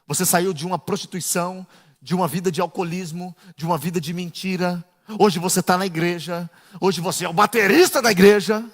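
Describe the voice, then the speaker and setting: A middle-aged male pastor preaching a sermon, dropping to low asides and building to shouted, half-sung climaxes. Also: steady tone, a little fast. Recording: echoey church hall.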